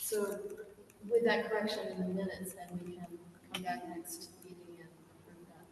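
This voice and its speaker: A woman's voice: on the low side, fairly even intonation, moderate pace. Echoing, distant woman chairing a town meeting. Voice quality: voice echoes hollowly around the space. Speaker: select board chair running the meeting. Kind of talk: formal town meeting talk. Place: echoing makeshift meeting venue. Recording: very echoey hall, distant mic, clear noise.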